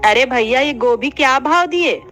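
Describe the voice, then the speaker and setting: A woman voicing a stingy older mother-in-law in an animated family story, bossy and scolding. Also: high voice, normal speed. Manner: scolding, penny-pinching.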